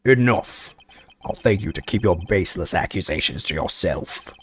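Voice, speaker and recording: A man's voice: sits low, animated, normal speed, breathy edge. A man voicing a cold, pompous prosecutor from a video game, domineering and scornful in formal speech. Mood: stern rebuke. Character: haughty male prosecutor, cold, accusing and domineering.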